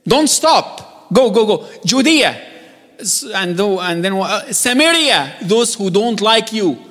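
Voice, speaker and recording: Slow, high-voiced preacher in a reverberant church. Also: male voice, very animated, fairly bright tone. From Egypt. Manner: joking, building to emphatic urgent calls. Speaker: guest preacher. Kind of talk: sermon. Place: church sanctuary.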